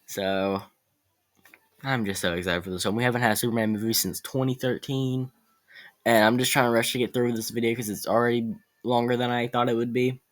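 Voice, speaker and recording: A man vlogging about upcoming movies in a casual, excitable way, rambling and correcting himself as he goes. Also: medium pitch, a little fast.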